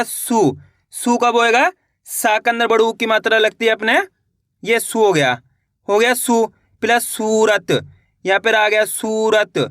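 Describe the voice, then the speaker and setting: A man's voice: high voice, fairly bright tone, no echo, studio quality. A man teaching beginners to write, saying each word twice, asking the viewer to repeat it and drawing out every syllable. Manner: draws out sounds syllable by syllable; addresses viewers as friends. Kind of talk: spoken writing lesson for beginners.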